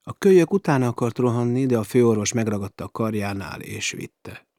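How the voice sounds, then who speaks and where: A man's voice: mid-range voice, expressive, mellow, dry recording, clean studio sound. A man narrating an adventure novel as an audiobook, with dramatic storytelling. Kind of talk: scripted narration.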